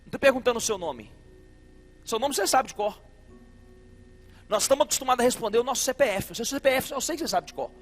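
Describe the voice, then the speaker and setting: A man's voice: extremely high pitch, lively intonation, fast talker, long pauses, long reverb tail, faint music behind. A man with a Brazilian Portuguese accent preaching a sermon as pastor, emphatic and repetitive, talking straight to the congregation. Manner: emphatic preaching, repeating phrases, addressing listeners as brother. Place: church service hall.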